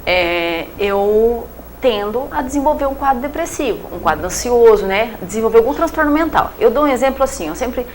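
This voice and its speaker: A woman's voice: fairly high pitch, expressive, fairly quick, a little hiss or hum, rough recording. A young Brazilian woman psychiatrist talking in an interview, explaining in a chatty way with everyday examples and many fillers. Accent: Brazilian Portuguese. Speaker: psychiatrist guest. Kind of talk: casual interview talk.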